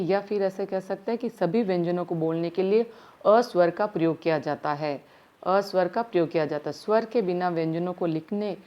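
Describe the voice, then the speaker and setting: A woman teaching primary school grammar in a slow, step-by-step way, asking her class questions as she goes, with words her speech. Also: fairly low pitch, muffled recording. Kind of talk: recorded grammar lesson.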